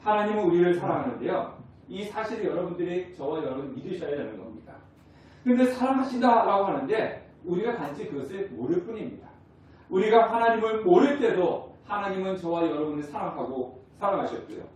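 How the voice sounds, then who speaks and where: A man's voice: high voice, lively intonation, fairly quick, a little mellow. A male pastor preaching a conversational sermon, asking the congregation questions and acting out family dialogues. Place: church sanctuary. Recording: very echoey hall, distant mic.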